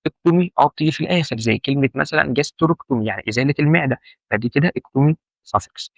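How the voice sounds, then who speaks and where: A man's voice: a little high, very fast, vocal fry, no room sound. A man with an Egyptian Arabic accent teaching an informal lesson, repeating key points and asking the listener questions. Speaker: medical terminology instructor.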